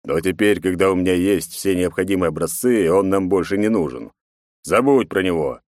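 A man voicing a gruff, commanding middle-aged emperor and father in an audiobook. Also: low voice, normal speed, darkish tone, no room sound, clean studio sound. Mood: weary.

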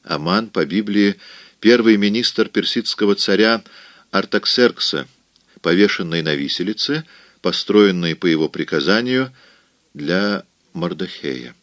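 A man narrating an audiobook in a measured, even storytelling manner. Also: deep voice, no echo, clean studio sound. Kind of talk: scripted narration.

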